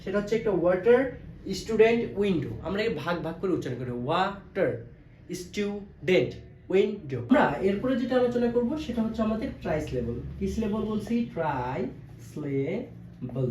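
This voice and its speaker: A man's voice: sits high, very animated, fast, darkish tone. A man teaching a video lesson, asking questions and answering them himself, repeating each key term. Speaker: English teacher. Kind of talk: classroom-style video lesson. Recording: echoey room, faint background noise.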